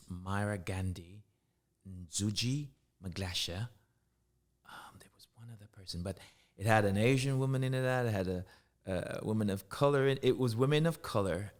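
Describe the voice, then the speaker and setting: A very low-voiced middle-aged man talks in an easy interview. He speaks reflectively and haltingly, often stopping and starting his sentences over as he recalls things. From Jamaica. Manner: reflective, halting, with frequent restarts. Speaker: guest artist and curator. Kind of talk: casual interview conversation.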